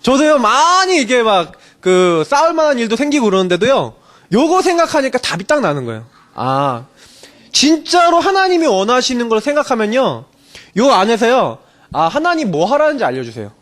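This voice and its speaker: Male pastor with a very high, lively voice that swings widely, preaching in a casual, questioning way. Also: normal speed. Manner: animated preaching with many rhetorical questions; casual and personal, telling stories from his own family. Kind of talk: sermon.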